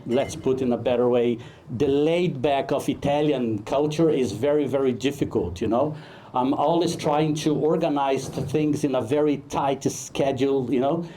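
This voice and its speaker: A man from Brazil, a film director giving a humorous, anecdotal talk at a networking event, halting often with fillers. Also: mid-range voice, warm tone, slight background noise.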